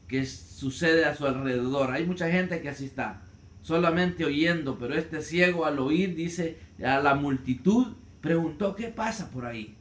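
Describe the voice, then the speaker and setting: A man preaching a sermon as pastor, earnest, slowing and stretching words for emphasis and rising to cries when he quotes. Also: on the high side, reverberant.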